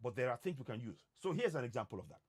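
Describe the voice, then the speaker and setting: Speaking very fast in a sing-song, mid-range voice with a breathy edge, this Nigerian man, a native Yoruba speaker, hosts an activist channel online. His monologue to viewers is impassioned and emphatic, with points stressed through repeated words.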